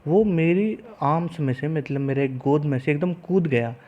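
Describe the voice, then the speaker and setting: A male teacher who reads English lines slowly and then explains them at length in Hindi. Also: fairly high pitch, lo-fi sound. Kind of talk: line-by-line lesson explanation.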